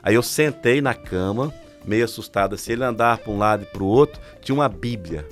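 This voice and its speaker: A man's voice: on the low side, expressive, brisk, faint music behind. A man with a Brazilian Portuguese accent, a pastor who is a podcast guest, telling a story vividly and acting out the people he quotes.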